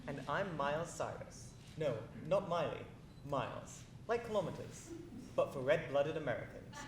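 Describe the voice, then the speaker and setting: A woman voicing a pompous male news anchor in a deep put-on voice, for a comedy sketch. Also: lively intonation, moderate pace. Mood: boastful. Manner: deep put-on voice, mock-proud. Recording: roomy, distant, noisy.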